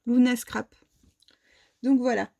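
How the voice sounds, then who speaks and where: A French woman shows off her shopping haul in a casual, hesitant way, full of fillers and restarts. Her voice is fairly high, level, and slow, mellow yet gravelly.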